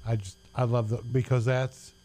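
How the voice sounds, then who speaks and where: Man reading scripture slowly. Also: mid-range voice, level tone, warm tone. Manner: slow, deliberate reading.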